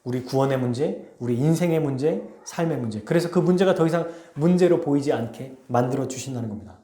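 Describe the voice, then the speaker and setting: A man preaching a sermon as pastor, telling a story with lively, questioning delivery to his congregation. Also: medium pitch, a little fast, reverberant. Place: church sanctuary.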